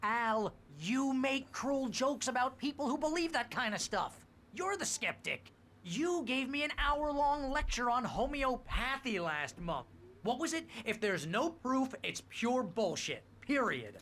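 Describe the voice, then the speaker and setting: A jittery sarcastic agent. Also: male voice, extremely high pitch, very animated, unhurried, fairly bright tone, slight background noise, exaggerated voice. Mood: incredulous. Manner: sarcastic, whiny complaining. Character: jittery wisecracking male literary agent. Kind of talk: video game cutscene acting.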